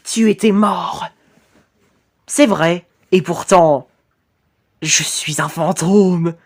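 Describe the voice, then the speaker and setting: A woman voicing a menacing ghostly male titan with a camera head, speaking slowly, low and threatening.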